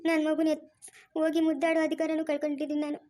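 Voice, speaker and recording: Woman playing a remorseful young wife, high and quick. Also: monotone, dark tone, natural voice. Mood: grieving. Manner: plaintive, self-blaming. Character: remorseful young pregnant daughter-in-law.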